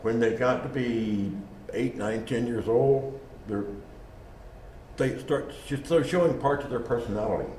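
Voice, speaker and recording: Unhurried and a little mellow, this mid-range male voice gives an informal, conversational lecture on genealogy and naming, acting out small exchanges along the way. The space sounds roomy and echoey, with faint background noise.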